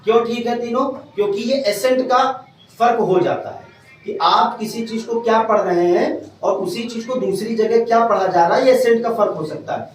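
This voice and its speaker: A male teacher gives a classroom grammar lecture in a fairly high voice. He often pauses to ask whether the class is following. The sound is very echoey and distant, as if the mic is across the room. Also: slight background noise. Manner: keeps checking if students understood.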